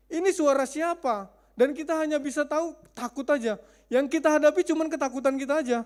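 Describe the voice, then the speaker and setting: A male preacher giving a conversational sermon, often putting questions to his congregation. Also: extremely high pitch.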